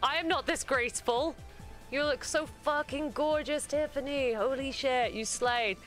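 Loud gushing woman host, higher voice. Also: unhurried, soft background music. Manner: loud, gushing, yells when excited, swears a lot. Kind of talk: excited live-stream cosplay showcase.

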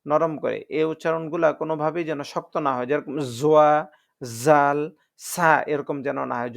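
Male teacher, gravelly and a little high, patient tutorial drilling letter sounds one by one. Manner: patient, explanatory, addresses viewers as friends. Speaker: Quran recitation teacher. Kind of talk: step-by-step pronunciation lesson.

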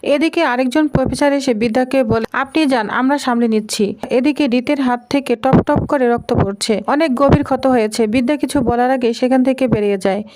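A woman with a high-sitting voice gives a scripted, steady recap of a TV serial episode at a moderate pace. She reads the characters' lines aloud in her own plain voice.

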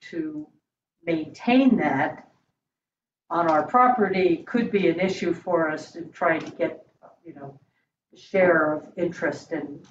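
A woman board member explaining her view at a meeting in a hesitant, halting, measured way. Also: on the low side. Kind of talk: deliberative meeting discussion. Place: indoor meeting room around a large table. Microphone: far room mic on a video call. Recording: echoey room, distant mic, dull, faint noise.

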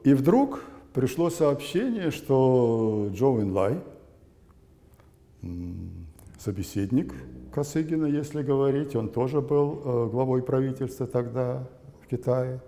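An elderly man recounts memories in an interview monologue. His voice is very dark and mellow, with lively swings in pitch and a halting, deliberate delivery. The sound carries long room reverb. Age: elderly, 80s. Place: indoor plain room, seated before camera. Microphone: lapel mic.

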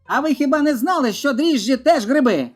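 Female joke reader with a high, animated voice and soft background music; she deepens her voice for the men in each joke. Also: a little fast. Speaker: joke narrator. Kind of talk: reading a string of short jokes.

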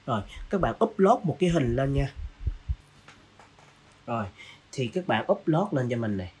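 A man's voice: mid-range voice, very animated, moderate pace, a little mellow, slightly rough. Casual man talking through a tutorial. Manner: casual, walks through steps with many fillers. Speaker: design tutorial host. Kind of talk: screen-recorded software tutorial.

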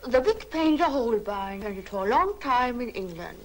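An actress playing a cheerful female pupil reciting English slowly with a German accent. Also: fairly high pitch, lively intonation, faint music behind. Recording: noisy old film soundtrack.

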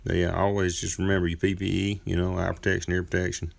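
Out in his driveway workspace, a man in his thirties talks fast while walking through his chainsaw carving. His voice is deep and very gravelly, his tone flat and even, and his relaxed, folksy narration meanders along, peppered with little fillers.

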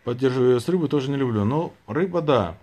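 Warm, lively, and fast-talking, this mid-range male voice belongs to a thirtysomething livestream host from Saint Petersburg, Russia. Propped on pillows in a small room, he holds his phone at arm's length, reading viewers' questions aloud and answering them casually.

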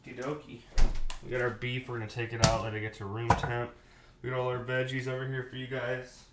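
Casual male cooking streamer, thirties, mid-pitched, noisy home kitchen with a running tap. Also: monotone, a little fast, reverberant. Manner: laid-back, chatty, reads and answers live chat. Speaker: cooking show host. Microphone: fixed camera mic, host moves around.

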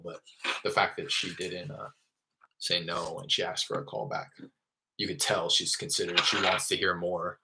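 A man's voice: low voice, pushed and bright, slight background noise. A man casually explaining his cold-calling routine in a live tutorial, loose and chatty with the odd curse. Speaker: real estate wholesaler teaching cold calling. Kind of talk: live screen-share tutorial.

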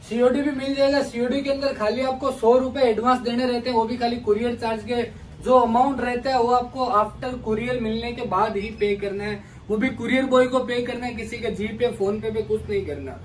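In a big clothing store, a man in his thirties with an unusually high voice for a man sells jeans at normal speed. His patter is lively and pushy, and he hails viewers as brothers. Filmed on a camera mic from a distance, the rough recording carries faint shop hum under his voice.

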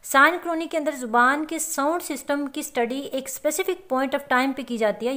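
A woman teacher giving a lecture, explaining terms step by step and reading English definitions slowly. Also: high-pitched, a bit bright. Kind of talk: classroom-style lecture.

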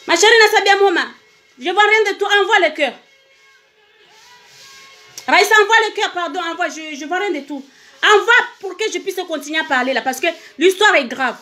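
A woman's voice: very high voice, brisk, sharp tone, faint music behind. A Comorian woman, a singer, talking emphatically on a livestream, repeating herself and asking viewers to send hearts. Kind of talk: casual livestream monologue.

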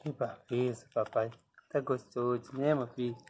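Guy cooing at his dogs, slow sing-song baby talk, lots of noise in the background. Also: fairly even intonation, darkish tone. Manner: coaxing baby talk with sudden high squeaks. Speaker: pet owner filming his dogs. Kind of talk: casual talk to pets. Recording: noisy home recording with dogs around.

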